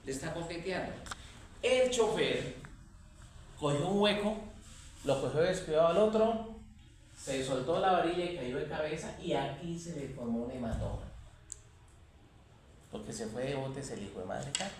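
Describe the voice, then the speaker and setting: A Colombian man teaching an anatomy class, quizzing his students and telling lively anecdotes. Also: fairly high pitch, normal speed, pauses often, recorded from a distance, a little hiss or hum. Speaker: anatomy lecturer. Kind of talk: classroom lecture. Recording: echoey classroom recorded from afar.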